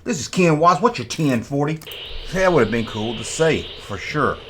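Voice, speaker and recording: A folksy man hosts a toy review video, chatting casually, repeating himself, and using playful CB slang. His voice is on the high side and a bit bright, with lively intonation and a moderate pace. Faint background noise is present.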